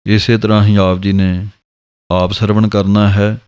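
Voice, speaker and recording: A man with a Punjabi accent, teaching scripture pronunciation in a slow, patient way and spelling out each syllable. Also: fairly low pitch, flat delivery, a little mellow, clear, resonant tone. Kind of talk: slow, careful pronunciation lesson.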